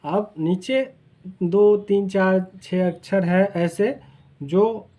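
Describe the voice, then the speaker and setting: A man's voice: high-pitched, dark tone. A man teaching children to read, spelling out letters one by one and asking and answering his own questions. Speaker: Hindi reading teacher. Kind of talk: slow explanatory lesson.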